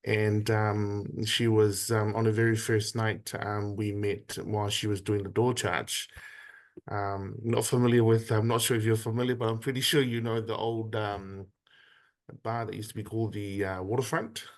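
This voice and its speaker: A man in his thirties, from Samoa, is a guest in a conversational interview, telling his story in a measured way with frequent pauses. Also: lowish voice, flat delivery.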